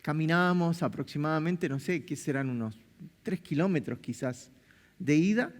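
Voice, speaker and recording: A man with an Argentine Spanish accent preaching a sermon as pastor, full of rhetorical questions and repeated phrases. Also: a little high. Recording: long reverb of a big hall.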